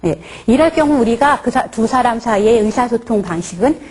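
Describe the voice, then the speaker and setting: Brief: female lecturer, slightly high and husky, teaches counseling with questions to the class. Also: expressive, moderate pace, a little mellow. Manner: asks the audience rhetorical questions; acts out short workplace dialogues. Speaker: university professor lecturing.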